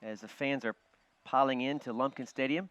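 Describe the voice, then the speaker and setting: A man calling live football play-by-play from a broadcast booth, quick and chatty, joking with his partner. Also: mid-range voice, steady tone, a bit bright, no room sound. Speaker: play-by-play announcer. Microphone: broadcast booth headset. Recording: dull, muffled broadcast audio.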